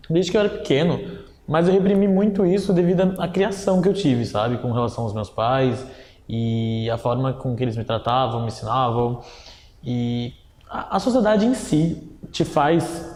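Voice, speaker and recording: A man's voice: medium pitch, a little mellow. Young Brazilian guy, echoey room. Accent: Brazilian Portuguese. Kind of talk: personal testimony. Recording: echoey room, faint ambience.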